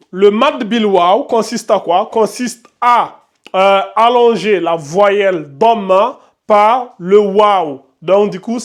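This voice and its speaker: Slow, high-voiced man teaching Arabic. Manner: pronounces syllables slowly and loudly, then explains in a quicker, quieter voice; patient, repetitive explaining. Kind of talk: online lesson on Quran reading.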